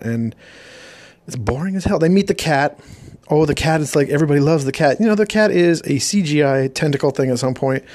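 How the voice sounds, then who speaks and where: A man's voice: mid-range voice, a little mellow, no room sound. A man giving a sarcastic, rambling recap of a movie's plot in a casual, mocking tone. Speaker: movie reviewer.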